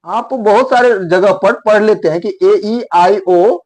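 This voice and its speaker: A man's voice: sits high, a little slow, a little mellow. A man teaching English grammar in Hindi, explaining patiently and repeating key points with emphasis. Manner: repetitive, emphatic teaching, spells out letters.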